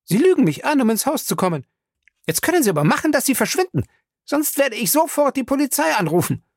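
Ein Mann spricht eine hitzige, empörte junge Ehefrau in einer Hörbuchlesung, mit hoher, schneller, schriller Stimme. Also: male voice, very animated, a little mellow, dry recording, studio quality. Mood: furious. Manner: high, fast, shrill outbursts. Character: Fay, a fiery, indignant young wife.

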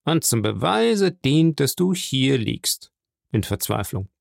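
A man's voice: mid-range voice, sing-song, vocal fry, dry recording, clean studio sound, exaggerated voice. A man reading a stern, solemn count. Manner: slow, grave, measured. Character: stern solemn nobleman, calm and unforgiving.

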